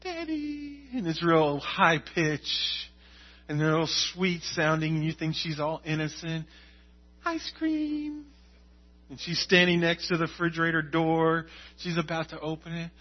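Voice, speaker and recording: A man's voice: on the high side, level tone, normal speed, muffled recording. A pastor preaching a sermon in a conversational way, repeating words to stress his points.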